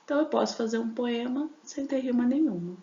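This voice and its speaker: A woman's voice: on the high side, brisk, warm tone. A woman teacher, explaining a lesson step by step with many fillers and tag questions. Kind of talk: recorded class lesson. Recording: echoey dull lo-fi room recording.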